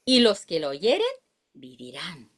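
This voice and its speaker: Animated Chilean woman teaching scripture. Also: on the low side, unhurried, husky. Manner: animated, asks the listeners questions and reads verses aloud. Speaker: Bible teacher. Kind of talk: Bible study teaching.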